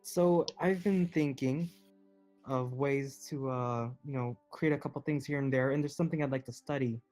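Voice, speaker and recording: A man's voice: mid-range voice, steady tone, normal speed, darkish tone, soft background music. A man playing in a tabletop game over voice chat, explaining himself earnestly and a little sheepishly, with fillers. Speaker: player. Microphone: online voice chat.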